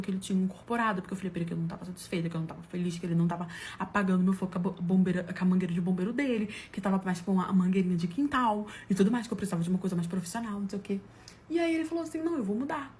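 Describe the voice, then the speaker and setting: With a medium-pitched voice and a faint hiss or hum in the audio, a Brazilian woman tells humorous stories about her life. She keeps it casual and lively, laughing at herself and voicing what others said.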